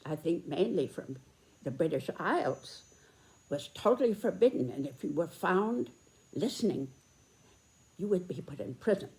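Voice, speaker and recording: A very old American woman in her nineties speaks in a low-pitched voice at a slow pace. She reflects and comments earnestly, choosing her phrases deliberately and stressing them between pauses. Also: mellow, rough recording. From United States. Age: 90s, very old. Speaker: video host, personal commentator. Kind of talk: reflective spoken commentary and reminiscence to camera.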